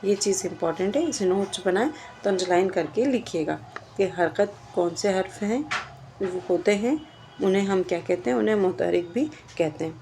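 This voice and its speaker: A woman's voice: mid-range voice, vocal fry, warm tone, a little hiss or hum. A woman teaching a grammar lesson, explaining step by step and asking questions that she then answers herself. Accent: Indian Urdu.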